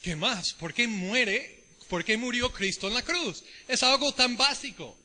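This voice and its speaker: Bright-voiced American preacher speaking Spanish. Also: male voice, extremely high pitch, animated, a little slow, in a large hall, slight background noise. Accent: American with Ecuadorian Spanish mix. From United States. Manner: asks the congregation questions. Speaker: visiting preacher. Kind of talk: sermon. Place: church.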